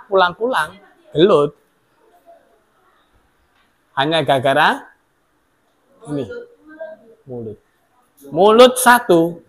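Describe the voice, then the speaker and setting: Animated teacher lecturing a class. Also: male voice, high-pitched. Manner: animated, swings between loud outbursts and soft asides; acts out quoted remarks in sharp voices.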